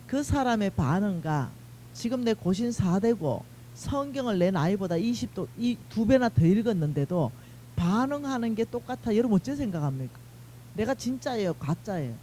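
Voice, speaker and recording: A woman giving an emotional testimony sermon at a church revival, swinging between hushed and loud, on a mic. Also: medium pitch, a little hiss or hum. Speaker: lay minister preaching at a revival meeting. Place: church sanctuary.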